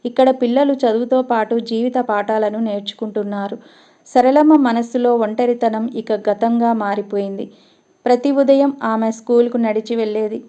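A woman narrating a scripted family story in a steady, measured reading, with a dull lo-fi sound. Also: a little high.

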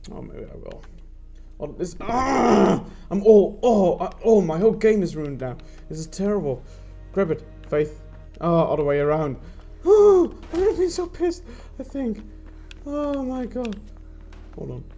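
Gaming commentator, male, mellow tone, unhurried delivery, exasperated and profane. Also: fairly high pitch, vocal fry. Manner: frustrated, swearing, talking to himself. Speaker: gameplay commentator. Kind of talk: let's play commentary.

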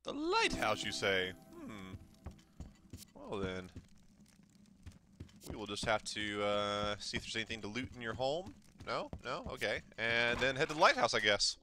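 A man's voice: lowish voice, animated, a little slow, pauses often, pushed and bright, a little hiss or hum. A man giving casual, jokey let's-play commentary while playing a video game. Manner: jokey, mock-dramatic. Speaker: gameplay commentator.

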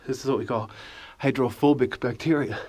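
A man quietly narrating as he explores a lava tube cave with a handheld camera, a little out of breath and muttering asides. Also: mid-range voice, brisk, very noisy. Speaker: cave explorer filming himself.

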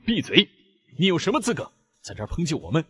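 A man's voice: a little high, huge pitch swings, fast talker, noisy background, pitched above the performer's own voice. A man doing a raging British general. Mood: furious. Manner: furious shouting. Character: arrogant, hot-tempered British general.

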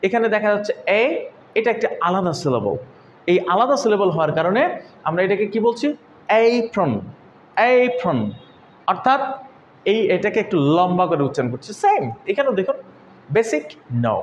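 A man teaching an English pronunciation lesson. He explains step by step, asks questions and answers them himself, and says example words slowly several times. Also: sits high. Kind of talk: classroom lesson. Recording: echoey room, dull lo-fi sound, faint noise.

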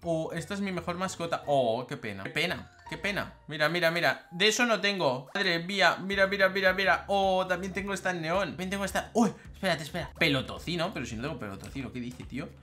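A woman's voice: on the low side, quick pace, hardly any pauses, fairly bright tone. A woman doing teasing, exclamation-filled gameplay commentary for her video channel. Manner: teasing, exclaiming, laughing at opponents. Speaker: gaming YouTuber.

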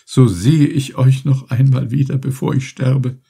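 A man voicing a sick, worn-out young male captain who calls out slowly and with strain. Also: mid-range voice, fairly even intonation, gravelly, dark tone, husky, pitched above the performer's own voice, exaggerated voice. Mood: weak, emotional.

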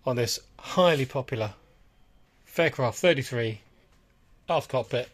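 Boat broker walking through a cabin. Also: male voice, medium pitch. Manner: brisk, listing features in short phrases. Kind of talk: walkthrough tour narration. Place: aboard a small motor boat, cabin and cockpit.

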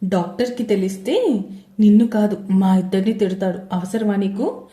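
A woman's voice: medium pitch, moderate pace, dark tone, reverberant, close to an everyday voice. A woman voicing a caring elder sister who scolds her younger sibling. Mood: scolding.

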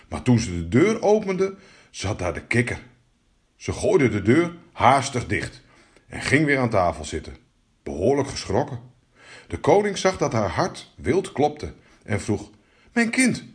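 Male storyteller, animated fairy-tale reading, very lively pitch. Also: unhurried.

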